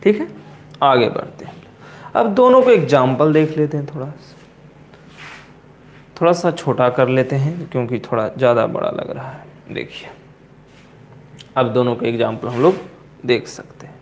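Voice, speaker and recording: A man with a Bihari accent teaching physics in a coaching classroom, repeating key terms slowly and asking and answering his own questions. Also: mid-range voice, animated, slight background noise. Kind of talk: classroom lecture at a board.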